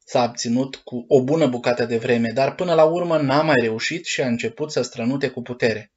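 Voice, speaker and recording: A man narrating a children's storybook in an expressive, measured reading. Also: medium pitch, husky, highs cut off. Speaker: audiobook narrator.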